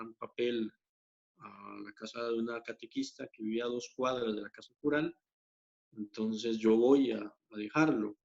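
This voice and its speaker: Man, deacon, earnest faith testimony, hesitant fillers, medium pitch, slightly muffled audio. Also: darkish tone.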